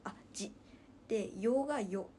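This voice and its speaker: Chatting with her livestream viewers from home, this twenty-something from Nagasaki giggles and teases in her Nagasaki accent. She has a fairly high, dark-toned voice and a measured pace, with a little background noise.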